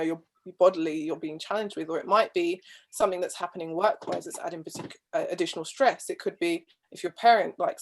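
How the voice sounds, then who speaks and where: A woman, a guest speaker on marriage, heard over a video call with a patchy connection, talking earnestly and restarting her phrases often. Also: on the low side. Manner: thoughtful and earnest, with frequent restarts and trailing phrases. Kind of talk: conversational discussion.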